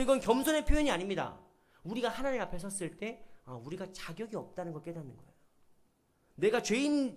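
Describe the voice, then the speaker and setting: A middle-aged man preaching a sermon as a pastor, animated and acting out the voices he quotes. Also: high voice.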